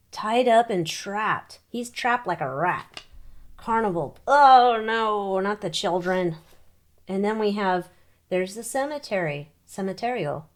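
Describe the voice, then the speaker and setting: A woman with a lowish voice gives an informal psychic tarot reading, thinking aloud in short, halting phrases and muttered questions.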